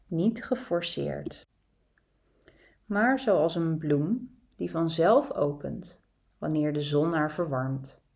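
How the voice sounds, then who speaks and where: A woman leading a guided meditation, giving calm, gentle, soothing instructions with long pauses between them. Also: deep voice.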